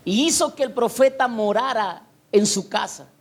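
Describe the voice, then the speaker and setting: A man's voice: very high-pitched, moderate pace. Pastor guy, fervent sermon, tells stories, gets the church to repeat after him. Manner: fervent, storytelling, call-and-response.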